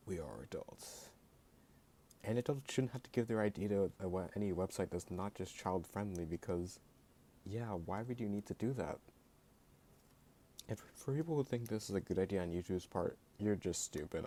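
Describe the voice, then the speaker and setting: A deep, warm male voice belongs to a YouTube creator ranting his opinions. He's sarcastic and blunt, uses "like" heavily, and now and then his voice comes across as jittery.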